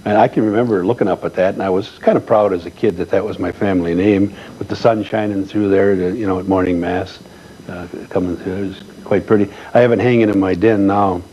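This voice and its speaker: A man's voice: deep voice, fairly even intonation, slight background noise. Older man telling folksy stories, dull audio. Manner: folksy storyteller, halting with many fillers. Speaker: guest. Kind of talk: casual reminiscing.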